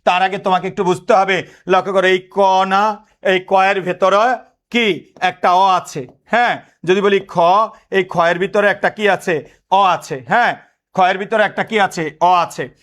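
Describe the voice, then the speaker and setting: A man's voice: sits high, fairly even intonation, measured pace, fairly bright tone. A man gives a lecture. He keeps asking his students questions and repeating the answers. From Bangladesh. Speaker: teacher.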